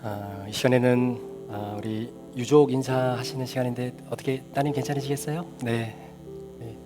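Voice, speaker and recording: A man's voice: mid-range voice, steady tone, normal speed, over music. A man speaks as a pastor, making polite service announcements and giving loosely phrased instructions.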